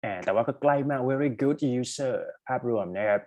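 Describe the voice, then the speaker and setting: A man with a Thai accent, teaching an IELTS speaking class and mixing Thai with English. He explains step by step, pauses often on "um" and checks in with "okay?" and "right?". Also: medium pitch, a little mellow, muffled recording. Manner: frequent "um" and "uh" pauses while searching for words.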